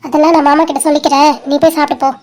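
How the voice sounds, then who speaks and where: A performer voicing a heartbroken, stubborn young woman in a cartoon, talking softly and hesitantly through tears. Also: high-pitched, level tone, very fast. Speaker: animated series character. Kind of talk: dramatic cartoon dialogue.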